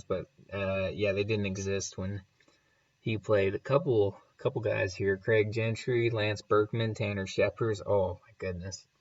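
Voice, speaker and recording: Low-pitched man in low-sample-rate, muffled audio. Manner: rambling, chuckling, loose. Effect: low sample rate, muffled low-quality audio. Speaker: channel host. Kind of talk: casual chat reading viewer comments. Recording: dull lo-fi remote setup audio.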